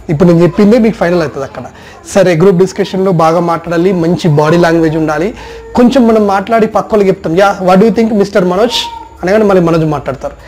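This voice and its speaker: Fast, high-voiced male trainer. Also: dark tone. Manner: direct, addresses listener as "you", long spoken lists. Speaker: soft skills trainer. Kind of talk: instructional talk on job placement rounds.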